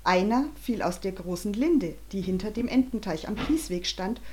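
A woman reads a children's adventure story aloud with animated, dramatic expression. Her narration builds suspense and moves briskly through the action. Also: mid-range voice. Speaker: audiobook reader.

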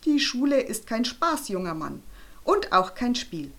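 A woman's voice: fairly high pitch, sing-song, measured pace. A woman voicing a nervous male gym teacher who barks and grumbles, in an audiobook. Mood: gruff. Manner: barking, grumbling.

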